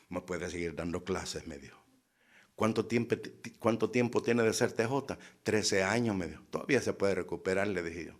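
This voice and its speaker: A man preaching, telling a story and acting out both sides of a conversation with teasing emphasis. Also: lowish voice. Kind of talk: sermon.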